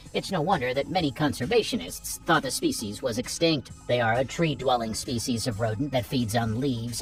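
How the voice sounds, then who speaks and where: The narrator of a wildlife list video reads a scripted nature documentary countdown, chatting straight to viewers and tossing in playful asides. The mid-range voice sounds far from the mic in a rough recording, with background music.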